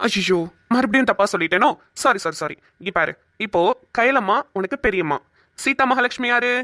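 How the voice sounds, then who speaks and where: A woman voicing a silly, talkative young husband in a cartoon who gets confused easily and rambles excitedly. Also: medium pitch, a little fast, no echo, studio quality, voice pushed down. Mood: comic. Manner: excitable, rambling comic delivery. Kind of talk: cartoon voice acting.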